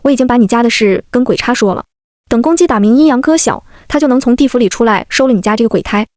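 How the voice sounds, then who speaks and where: A woman's voice: on the high side, lively intonation, quick pace, darkish tone, no echo, studio quality, natural voice. A woman voicing an old man's ghost who is kindly, worried and urgently protective. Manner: urgent, protective, scolding fondly.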